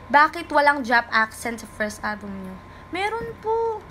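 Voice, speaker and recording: A woman's voice: a little high, normal speed, bright, forceful tone, slight background noise, low-quality recording. A young woman from the Philippines chatting politely on a livestream, answering fans and reading out their comments. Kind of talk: casual livestream chat.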